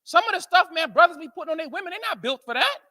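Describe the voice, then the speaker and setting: American conference speaker, male, high and sharp voice, storytelling motivator. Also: racing. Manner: animated storyteller, keeps asking "right?". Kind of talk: motivational speech to men.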